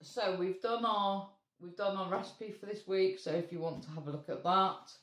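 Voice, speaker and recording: A woman's voice: medium pitch, moderate pace, a bit bright, roomy sound. A woman co-hosting a casual vlog, chatting with friendly asides. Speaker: vlog co-host. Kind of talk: casual chat.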